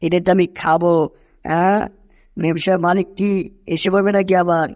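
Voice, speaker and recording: A woman doing a low, sly cartoon tomcat. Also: fairly even intonation, moderate pace, a little mellow, natural voice. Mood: scheming. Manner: sly muttering, groaning and scheming to himself. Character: scheming hungry male house cat. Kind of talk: Bengali fan cartoon dub.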